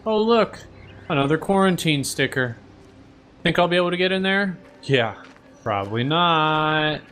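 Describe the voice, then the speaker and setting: A man's voice: on the high side, animated, measured pace, a bit bright, a little hiss or hum. A man giving offhand, casual let's play commentary, musing to himself as he plays. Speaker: gaming video host.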